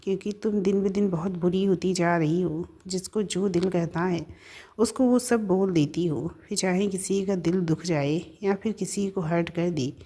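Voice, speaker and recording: Woman reads an angry young husband in an audio story, curt and reproachful, fairly low voice. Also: normal speed, breathy edge. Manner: sharp, clipped scolding.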